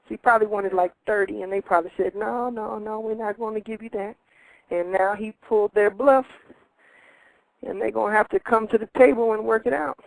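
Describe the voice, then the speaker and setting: A man in his fifties with a high voice, brisk delivery, vocal fry, and fairly even intonation calls in to a radio show and rambles in a meandering way, using nonstandard grammar. The recording is low quality but has no echo.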